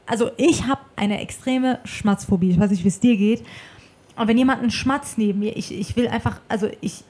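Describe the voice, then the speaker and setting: A woman chatting casually on a podcast from her apartment, animated and full of exclamations. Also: on the high side, a little fast, husky. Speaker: podcast co-host.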